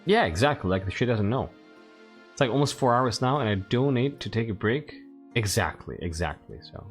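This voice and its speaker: A man's voice: mid-range voice, expressive, normal speed, soft background music. A man playing a game, casually commenting and reading game text aloud, often repeating his phrases. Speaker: game player and host commenting while playing.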